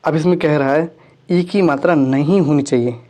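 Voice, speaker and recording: A man teaching a spelling lesson in a voice pitched a little above the usual. He reads each word slowly and says it twice. He corrects his own slips as he works through the list. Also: darkish tone. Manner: repeats each word twice, slow and deliberate, self-correcting. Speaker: Hindi grammar teacher. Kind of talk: exam-prep lesson, reading word lists.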